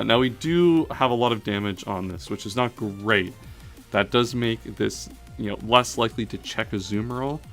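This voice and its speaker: A man whose voice sits on the low side, gravelly yet fairly bright, talks through a competitive battle as he reasons it out. Full of "um" and "uh," he breaks down the action analytically and regularly stops to correct himself partway through a sentence.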